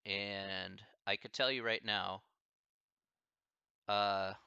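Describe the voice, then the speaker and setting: A math professor with a Midwestern American accent talks through student questions in an easygoing, chatty way. His voice is bright and forward. The audio is dry and dull, like a lo-fi stream. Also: lowish voice, fairly even intonation, very slow, gravelly, clear, resonant tone, dry recording. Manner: chatty, easygoing, thinks aloud. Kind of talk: casual live Q&A with students.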